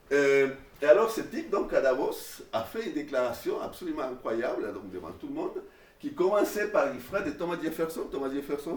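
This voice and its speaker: A man delivering an informal classroom lecture in an animated way, often restarting his phrases. His voice sits in the middle range. The room echoes, and the mic is far away. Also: medium pitch. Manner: animated, repetitive restarts and fillers.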